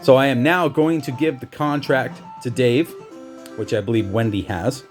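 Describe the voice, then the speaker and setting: A man narrating a retro video game walkthrough in a loose, chatty way. He stumbles and restarts now and then. His voice sits at a middle pitch over faint background game music. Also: steady tone, normal speed. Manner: casual, chatty, with restarts and slang. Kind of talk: casual game walkthrough commentary.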